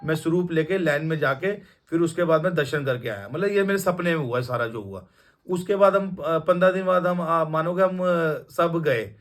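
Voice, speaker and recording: Speaking at normal speed, this young adult devotee rambles through a casual testimony, often halting and starting over amid plenty of fillers. His voice sits a little above the typical male range.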